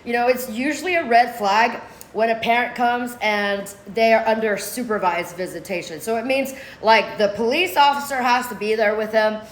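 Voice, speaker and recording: A woman's voice: a little high, normal speed, slight background noise. A woman vlogger casually retelling a story in a mocking, scornful way, with many restarts and filler words. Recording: roomy echo.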